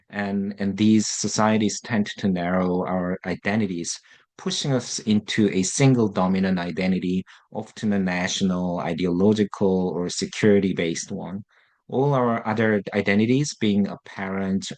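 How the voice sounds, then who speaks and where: A man's voice: lowish voice, a little mellow. A man from South Korea giving a thoughtful prepared talk on a video call, with some fillers. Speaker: guest speaker.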